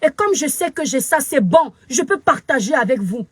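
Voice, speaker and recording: Here a Cameroonian social media commentator, very upset, delivers an angry live rant into her phone camera, scolding and preaching with emphatic repetition. Her accent is Cameroonian French, and her high voice has a sing-song lilt at a moderate pace, with no echo.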